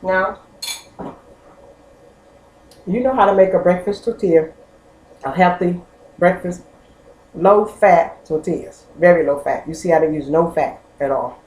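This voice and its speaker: A woman's voice: lowish voice, a little slow, long pauses, a little mellow. A woman hosting a home cooking vlog, chatting straight to her viewers and humming as she tastes her food. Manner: chatty, talks straight to viewers, hums while tasting. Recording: echoey room with faint ambience.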